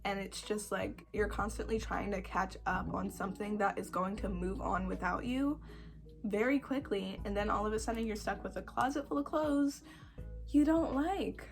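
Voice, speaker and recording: A woman of twenty-one talks casually to her followers in a croaky voice at a middling pitch. She rambles in a self-deprecating way and leans on words for dramatic effect. Music plays underneath. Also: normal speed. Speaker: video creator answering follower questions. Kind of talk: casual chat to camera.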